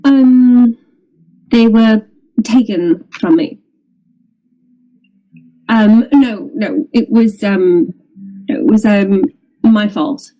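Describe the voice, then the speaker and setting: A young woman playing a tabletop game in character, speaking haltingly with many pauses and ums. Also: medium pitch, dark tone, low-quality recording. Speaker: player.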